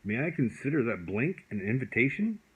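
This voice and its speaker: A man's voice: mid-range voice, sing-song, a little fast, breathy edge, lo-fi sound, voice pushed up. A man voicing a friendly, whimsical magic dragon in a storybook, with polite, quaintly formal talk. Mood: playful.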